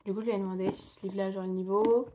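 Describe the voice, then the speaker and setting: A young woman chats loosely to her viewers, rambling from one thought to the next and poking fun at herself. Her voice sits at an ordinary middle pitch and she fills her talk with casual fillers. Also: steady tone, very fast, mellow, a little hiss or hum. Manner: chatty, rambling, self-mocking, filler-heavy. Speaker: book vlogger. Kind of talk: casual chat to camera.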